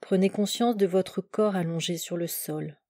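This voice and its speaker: A yoga nidra instructor leads a relaxation meditation, her lowish voice soft-edged and mellow. She gives calm instructions very slowly in short, separate phrases, recorded dry and close with no echo or room sound.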